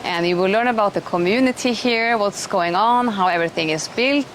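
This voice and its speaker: A woman's voice: mid-range voice, a little fast. A middle-aged woman, hosting an interview in a chatty, enthusiastic way with many restarts. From Norway. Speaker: host. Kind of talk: casual conversational interview. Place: outdoors in an eco village. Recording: noisy outdoor recording.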